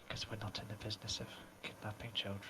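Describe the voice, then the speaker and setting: A man playing a tabletop game, calm and dry, speaking deadpan. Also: on the low side, very fast. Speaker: player.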